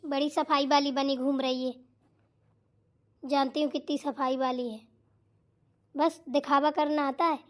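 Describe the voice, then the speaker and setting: A woman voicing a lazy, quarrelsome sister-in-law in a cartoon, sharp, rude and always complaining. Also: high voice, flat delivery, unhurried, long pauses. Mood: mocking. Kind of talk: cartoon voice acting.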